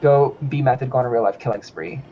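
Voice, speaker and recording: A man's voice: mid-range voice, quick pace. A man playing a video game with friends on a stream, reading game text aloud, swearing and laughing often. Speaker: gamer. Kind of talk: casual game stream chat. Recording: muffled lo-fi stream audio, faint music.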